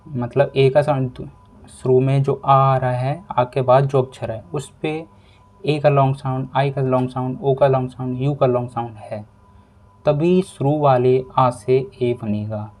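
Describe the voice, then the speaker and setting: Slow, patient male teacher. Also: mid-range voice, level tone, a little mellow. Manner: slow, repetitive explaining. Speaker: English teacher. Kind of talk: pronunciation lesson.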